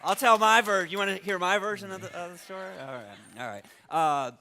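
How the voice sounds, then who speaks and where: A man's voice: high voice, brisk, crowd noise. A man co-presenting at a live seminar, teasing his partner with joking banter on stage.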